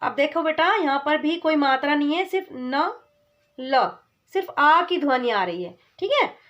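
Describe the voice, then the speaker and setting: A woman's voice: high voice, animated, normal speed, a bit bright, dull audio. A woman teaching a children's lesson on vowel signs. She patiently asks questions and answers them herself, and often calls the child "beta". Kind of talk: slow children's Hindi lesson.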